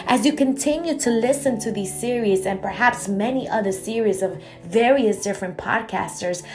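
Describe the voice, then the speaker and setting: A woman's voice: a little high, a little mellow. A young adult woman from Guatemala hosting her own evangelist podcast, telling her personal testimony in an earnest, preacherly way.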